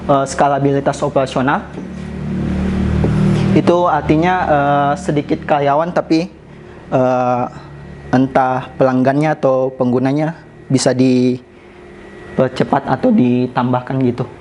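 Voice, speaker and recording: A man presenting slides at a company sharing session in a casual, relaxed way, often pausing on "eh" and mixing in English business terms. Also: mid-range voice, slight background noise, low-quality recording.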